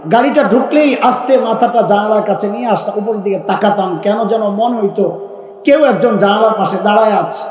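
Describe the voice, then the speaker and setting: A man from Bangladesh preaches a sermon to a gathering in a very high, ringing voice. He speaks with passion, pressing the crowd with questions and breaking into chanted verses. His voice booms through a heavy echo that hangs in a long hall reverb. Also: darkish tone. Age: adult with grown children. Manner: impassioned, calls out questions for the crowd to answer; chants scripture verses in a sung tone. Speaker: Islamic preacher.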